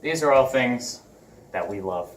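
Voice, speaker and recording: A man's voice: mid-range voice, animated, unhurried, a little hiss or hum, close to an everyday voice. A man playing a blustering older male politician who gives a rambling, preachy speech with folksy asides in a comedy sketch. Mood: smug.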